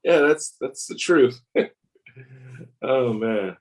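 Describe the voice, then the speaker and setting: A man's voice: mid-range voice, expressive, drawn-out words, low-quality recording. A tired, laid-back man chatting casually on a video call from his dinner table at home. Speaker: regular chat participant. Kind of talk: casual group video chat.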